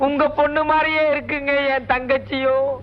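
A sly young trickster. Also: male voice, very high voice, level tone, moderate pace, slight background noise. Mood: tearful. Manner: wailing, pleading. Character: sly young man faking tearful grief. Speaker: lead character in a film comedy. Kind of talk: 1980s film acting. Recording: muffled old film soundtrack.

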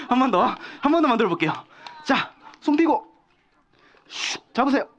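Animated young man, kids' party magician. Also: very high-pitched, moderate pace, highs cut off, slight background noise. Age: young adult. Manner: animated, coaxing, often calling out loudly to the crowd. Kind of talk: kids' party magician patter with simple instructions to children. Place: outdoor park performance before seated children. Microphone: headset. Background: music.

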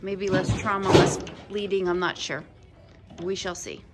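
A woman's voice: lowish voice, steady tone, faint music behind. Woman touring her farm, easygoing. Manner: friendly, unhurried, introducing animals one by one. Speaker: farm owner giving a tour. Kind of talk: casual farm tour narration. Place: outdoors and in a barn on a small farm. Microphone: handheld phone camera.

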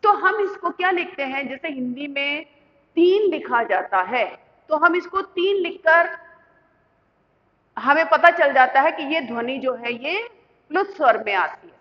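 A woman with a high, animated voice teaches a lesson at an unhurried pace, walking through it step by step and answering the questions she puts to the class. She is a school teacher with an Indian Hindi accent. The recording is muffled and lo-fi, with long reverb.

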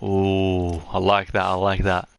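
A young man streaming live from his room on a headset mic, chatting excitedly as he opens game loot. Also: low-pitched, measured pace, gravelly. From Australia.

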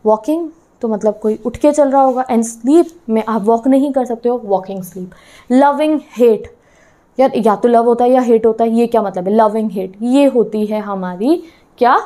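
A woman's voice: on the high side, normal speed, mellow. A woman teacher explaining lessons in an online class. She mixes in English terms, asks her students questions and keeps checking that they follow. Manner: keeps checking in with "theek hai".

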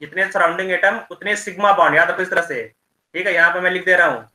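A man teaching chemistry in an online class, explaining slowly and checking in with his students often. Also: sits high, sharp tone, echoey room, poor audio.

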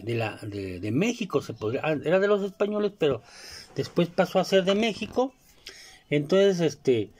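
A man's voice: a little high, a little mellow. Rambling Mexican man, casual monologue. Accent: Mexican Spanish. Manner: rambling, filler-heavy, keeps asking "you know?". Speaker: commentator.

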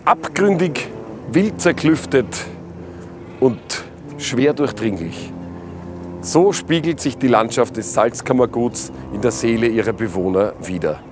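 A male documentary host, playful and theatrical. His pitch swings widely up and down as he talks. Music plays clearly underneath him. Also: expressive, measured pace. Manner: teasing, theatrical. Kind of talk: playful documentary presenting and narration. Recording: background music.

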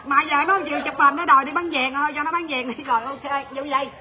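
High-voiced shop owner. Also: female voice, steady tone, a crowd in the background. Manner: rapid, blunt teasing banter with staff, laughing often. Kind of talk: livestream sales chat.

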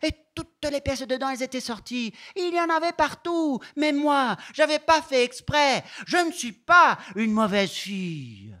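A man's voice: very high voice, sing-song, measured pace, few pauses, bright, forceful tone, heavily acted. An actor playing a sulky seven-year-old girl who keeps insisting she did nothing wrong, in a whiny, repetitive stage monologue. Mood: defensive, sulky. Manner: whiny, defensive, repeats herself. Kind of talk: stage monologue performed live.

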